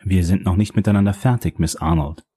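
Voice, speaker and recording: A man's voice: low-pitched, steady tone, brisk, mellow, breathy edge. A man reading an audiobook, voicing a blunt, defiant woman police detective who speaks in curt, clipped lines.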